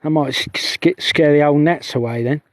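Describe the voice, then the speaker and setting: With a voice on the high side and a moderate pace, a middle-aged UFO vlogger chats on a livestream from an outdoor heath. He meanders, self-interrupts, and keeps restarting his thoughts, and no room sound is audible.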